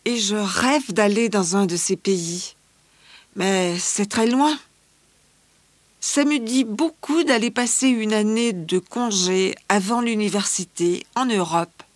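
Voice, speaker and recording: A woman voicing a cheerful teenage schoolgirl who loves fashion, answering interview questions in a scripted exam dialogue with measured, careful delivery. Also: mid-range voice, no echo, close to an everyday voice. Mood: calm chatty.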